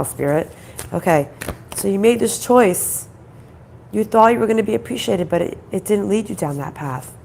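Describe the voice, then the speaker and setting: A woman with a groggy, croaky voice from a troubled throat, doing a conversational card reading in halting, repeated phrases and questions. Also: medium pitch, a little hiss or hum. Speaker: spiritual card reader, host.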